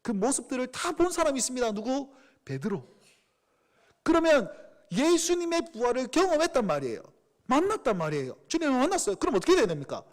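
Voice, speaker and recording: Animated Gyeongsang pastor preaching. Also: male voice, very high-pitched, quick pace. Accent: Gyeongsang Korean. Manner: animated storytelling with acted quotes. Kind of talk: sermon.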